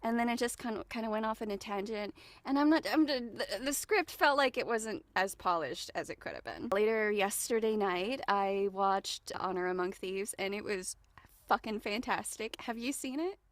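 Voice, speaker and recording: A woman guest co-host chatting casually, rambling in an animated way and giggling often. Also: medium pitch, moderate pace, no room sound. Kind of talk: casual chat.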